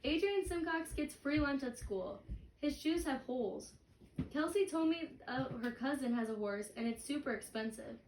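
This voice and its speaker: A woman with a high, lively voice reads a picture book aloud expressively to a child at a normal pace, like she's leading a read-aloud lesson. The recording is roomy, with a distant mic, clicks, and clear noise.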